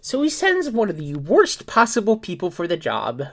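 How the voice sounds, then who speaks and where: A woman's voice: medium pitch, wildly swooping pitch, moderate pace. A woman vlogger chatting casually on her own and telling a story, rambling and informal, correcting herself as she goes. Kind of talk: casual solo chat and storytelling.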